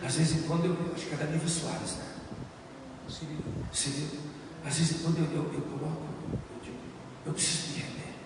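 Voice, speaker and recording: A man's voice: on the high side, steady tone, normal speed, far from the mic, noisy background. A male Brazilian pastor preaching a sermon with impassioned, rising delivery, in a church hall. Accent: Brazilian Portuguese. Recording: echoey church hall from afar.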